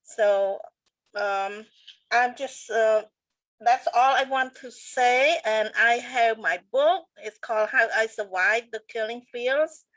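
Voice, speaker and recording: A woman from Cambodia, co-hosting a talk show and introducing herself in an earnest, halting way. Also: on the high side, a bit bright, no room sound, low-quality recording. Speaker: co-host.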